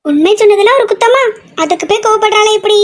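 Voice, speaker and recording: Brief: woman as a cheeky, chatty teen girl, very high-pitched, playful teasing. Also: fast talker. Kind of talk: audio drama acting.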